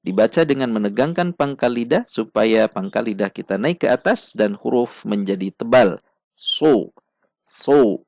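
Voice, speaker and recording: A man's voice: mid-range voice, gravelly, a little mellow, no room sound. Patient man teaching recitation. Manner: patient, repeats syllables slowly and precisely. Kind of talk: step-by-step tajwid lesson with recited examples.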